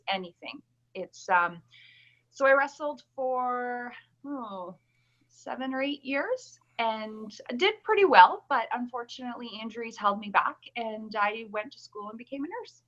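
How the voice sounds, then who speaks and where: A nurse and pageant winner from Calgary, with a mild Albertan Canadian accent, gives casual interview answers as a guest, chatting earnestly with frequent ums. Her voice is a little high, animated, and fairly bright, at a measured pace, over dull lo-fi call audio.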